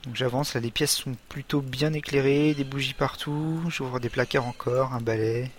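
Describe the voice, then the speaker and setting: A man narrating his own play of a horror video game, hesitant and halting, full of fillers and restarts. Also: mid-range voice, steady tone, a little hiss or hum. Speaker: gamer. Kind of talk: let's play commentary.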